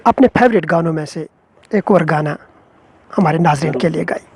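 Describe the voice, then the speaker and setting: Man, interviewer, high pitch, breathy, dry sound. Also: a little mellow, dry recording. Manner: polite, formal questioning. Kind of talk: interview questions.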